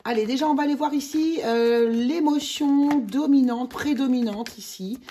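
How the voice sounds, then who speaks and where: A French woman gives a casual monthly tarot reading in a high voice at a moderate pace, chatty and hesitant, with excited exclamations over the cards. There's slight background noise.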